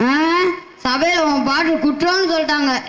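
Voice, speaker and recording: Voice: high-pitched, moderate pace, echoey room, heavy background noise, lightly acted. An actor playing a poor, self-pitying male poet who grumbles, mocks and wails in a comic stage style. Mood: bickering. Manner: comic lamenting, wailing, sarcastic. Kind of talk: Tamil stage-play comedy acting.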